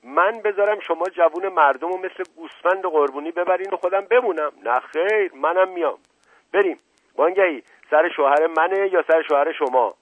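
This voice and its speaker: A man voicing a fiery, sharp-tongued middle-aged widow, shrill and indignant. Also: dry recording, phone-quality sound, lightly acted. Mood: defiant.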